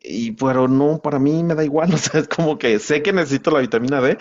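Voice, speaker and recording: A man from Mexico with a Mexican accent, a podcast guest talking casually and haltingly, with frequent pauses and restarts. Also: on the high side, a little mellow, highs cut off. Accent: Mexican, non-central. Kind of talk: casual conversational interview.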